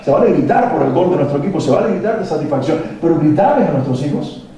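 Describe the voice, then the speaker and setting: Deep, mellow man preaching in an echoey hall. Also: animated, fast. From Latin America. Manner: preachy, poses rhetorical questions to the audience. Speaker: speaker at a parenting workshop. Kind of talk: motivational talk to parents. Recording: very echoey hall, mic at a distance, faint noise.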